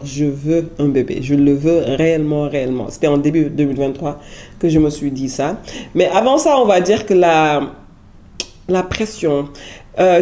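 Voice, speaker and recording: Animated woman with a mellow voice. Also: on the low side. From Senegal. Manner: animated, switching between French and English. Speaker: vlogger. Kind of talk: casual storytelling vlog.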